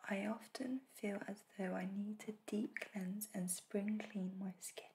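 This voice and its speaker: Slow, soft whispered role-play by a woman. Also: medium pitch, fairly even intonation, slight background noise. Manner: gentle, slow, reassuring. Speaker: spa facial therapist in role-play.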